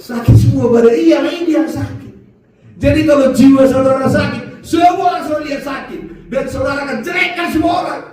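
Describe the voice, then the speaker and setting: Man preaching, high-pitched voice, booming hall echo, a bit far from the mic, lively sermon. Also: fairly quick. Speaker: pastor.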